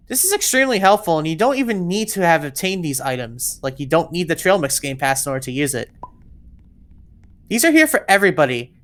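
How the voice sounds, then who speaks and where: Guiding players through a game, a woman gives step-by-step, directive instructions in a walkthrough voice-over. Her voice is low-pitched with a fairly bright tone.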